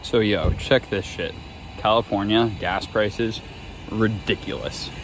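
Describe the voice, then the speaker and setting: A man's voice: on the low side, takes it slowly, slight background noise. A man vlogging casually from his car on a road trip, chatty and laid-back, swearing now and then. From Boston. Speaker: sneaker vlogger. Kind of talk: casual vlog narration.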